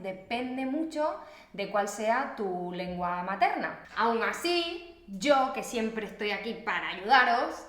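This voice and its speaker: A young adult Spanish teacher from Extremadura, Spain, speaks with an Extremaduran accent in a casual teaching video, chatty, playful and self-mocking. Her voice is medium-pitched with a fairly bright tone, recorded in an echoey room.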